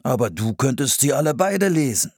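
A man voicing an excitable adult male playwright who talks in an eager, coaxing way. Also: mid-range voice, normal speed, slightly rough, no echo, studio quality, voice pushed up. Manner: enthusiastic, coaxing.

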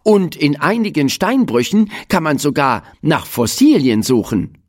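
A storyteller puts on a cheerful, firm woman teacher from a children's storybook, her voice raised well above the reader's own and swooping widely as she coaxes answers from the class. She speaks at an unhurried pace, patient but not to be argued with. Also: mid-range voice, sing-song, pitched above the performer's own voice. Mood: instructive. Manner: bright, coaxing classroom tone, asking the class questions. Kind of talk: storybook reading.

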